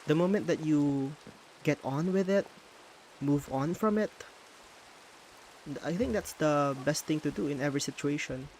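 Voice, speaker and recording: Building in a game, a streamer from the Philippines thinks aloud in a casual, Filipino-accented chat, stopping now and then to search for English words since Tagalog is his first language. His fairly high voice is a little mellow, with a touch of hiss or hum.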